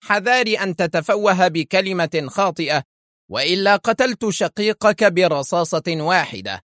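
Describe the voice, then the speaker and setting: A man voicing a nervous, trembling male henchman who makes frantic threats in a much higher voice than his narration, recorded dry and close. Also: animated, moderate pace, fairly bright tone, no echo.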